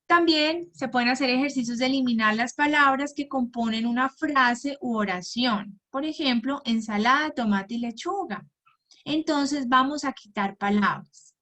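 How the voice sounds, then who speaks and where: A woman giving a patient lesson to parents, checking in often with "right?" and spelling out example words slowly and clearly. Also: high-pitched, sharp tone. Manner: patient, asks "¿verdad?" and "¿sí?" often; slow, clearly articulated model words. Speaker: homeschool teacher. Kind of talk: instructional talk to parents.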